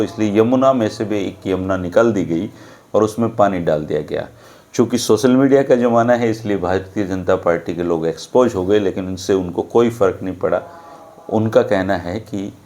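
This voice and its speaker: Low-voiced sarcastic political host. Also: male voice, darkish tone. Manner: sarcastic, addresses viewers directly. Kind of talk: political commentary and discussion.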